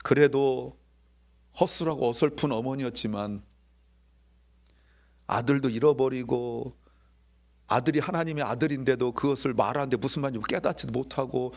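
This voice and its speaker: A man preaching a sermon as pastor, talking to the congregation in a lively way and acting out quoted dialogue in his own voice. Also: medium pitch.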